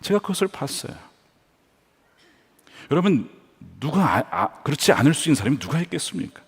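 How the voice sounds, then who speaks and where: A male pastor preaching a sermon in a church, earnest, swinging between hushed storytelling and emphatic points. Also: a little high, big pitch swings, fairly quick, creaky, slightly rough, in a large hall.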